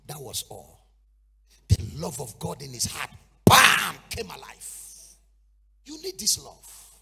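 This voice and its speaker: A man's voice: a little high, wildly swooping pitch, takes it slowly, vocal fry. A male preacher delivering a fiery, sing-song sermon and acting out Bible scenes with dramatic storytelling. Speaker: apostle preaching.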